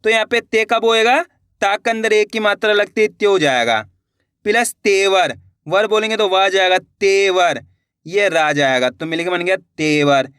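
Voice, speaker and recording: A high, bright male voice teaches spelling to beginners. He breaks each word into syllables and repeats it patiently. The sound is smooth and dry, close to the mic. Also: unhurried, no echo. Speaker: Hindi teacher.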